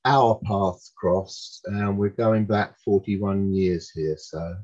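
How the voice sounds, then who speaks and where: A man's voice: low voice, fairly even intonation, slow pace, a little mellow. An older man hosting a casual interview over a video call, chatty and loose, swearing freely and laughing easily. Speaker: podcast host. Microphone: condenser mic over a video call. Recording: dull lo-fi video call audio.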